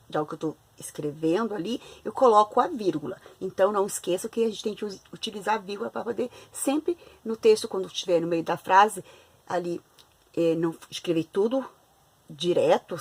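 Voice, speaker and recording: A woman teaching a class for young children in Brazilian Portuguese, talking slowly and clearly with stretched-out intonation. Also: mid-range voice. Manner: slow, clear, didactic, with exaggerated intonation on examples.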